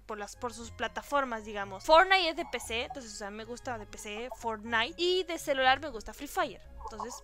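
A woman's voice: fairly high pitch, lively intonation, moderate pace, few pauses, sharp tone, soft background music. A young woman from Santiago del Estero with that region's Argentine accent, a gaming YouTuber chatting casually and giggling as she reads out and answers fan questions. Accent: Santiago del Estero Argentine Spanish. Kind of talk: casual Q&A chat.

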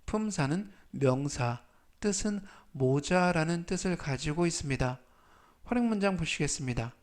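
A man teaching English vocabulary in a slow, deliberate lesson. He has a Korean accent and reads each word three times with clear enunciation. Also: on the high side, lively intonation.

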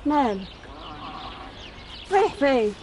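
An actress playing a loud, kind-hearted mother who talks rapidly. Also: high voice, sing-song, a little hiss or hum, exaggerated voice.

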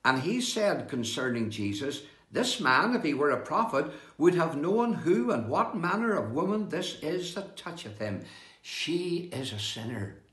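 An older man preaching a devotional sermon indoors, with slow, emphatic delivery that rises and falls. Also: a little high, big pitch swings, a bit bright, reverberant. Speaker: pastor. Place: indoor room with bookshelves, seated with open Bible.

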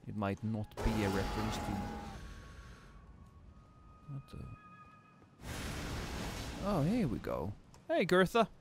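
Theatrical, very animated man playing games. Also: on the low side, slow pace, long pauses, over music. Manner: theatrical, playful mock-threatening. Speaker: gaming streamer. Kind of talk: casual live gameplay commentary.

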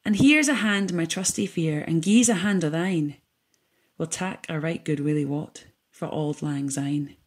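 A low-pitched woman reads a scripted, reflective piece that includes poetry for a community gathering. Her delivery is measured and earnest.

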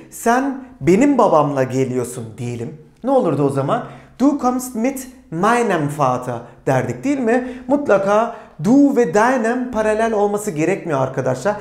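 A man giving a slow, deliberate grammar lesson and putting questions to his students. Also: high-pitched, darkish tone, reverberant. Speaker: German teacher. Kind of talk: classroom-style grammar lesson.

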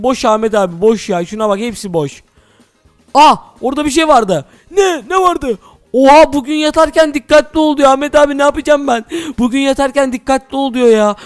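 A man hosting a Minecraft role-play, talking excitedly to his viewers as "friends". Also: very high voice, smooth. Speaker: gaming channel host.

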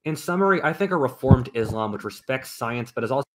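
A man reads a scripted essay in an even, measured way, stating views with confidence. His voice sits in an ordinary middle range. It plays as a clip inside someone else's video. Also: mid-range voice, background noise. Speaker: narrator of the reacted video.

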